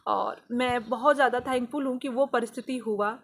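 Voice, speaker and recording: A woman's voice: a little high, fairly even intonation, moderate pace, creaky, slight background noise. A woman vlogger telling a personal healing story in an earnest, confessional way, often repeating phrases for emphasis. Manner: spiritual, devotional.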